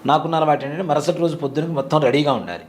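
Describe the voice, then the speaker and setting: A man in his forties speaks quickly, with a voice pitched a little above the usual. He tells a story in a conversational way and acts out the people he quotes. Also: slight background noise. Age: 40s. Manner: vivid, animated retelling that acts out quoted voices. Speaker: interview guest recounting a temple experience.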